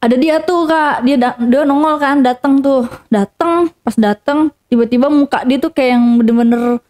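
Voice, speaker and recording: Young woman with a mellow voice telling her story. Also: high-pitched, normal speed. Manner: rambling, many fillers and restarts, addresses listener as Kak. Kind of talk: casual storytelling to an interviewer.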